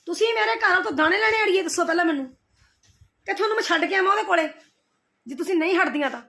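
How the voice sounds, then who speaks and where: A woman's voice: very high voice, quick pace, bright, forceful tone. A middle-aged woman, ranting straight at the camera, scolding and confrontational, repeating her points. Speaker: vlogger replying to roasters. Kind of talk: heated direct-to-camera rant.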